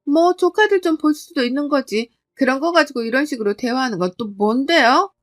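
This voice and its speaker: A woman's voice: high voice, lively intonation, fairly quick, pitched above the performer's own voice. A woman doing a whiny, defensive sister-in-law. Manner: whiny, argumentative.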